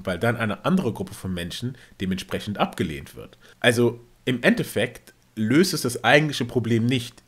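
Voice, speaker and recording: A man's voice: lowish voice, slightly rough. A man taking part as a panelist in a casual discussion, weighing both sides.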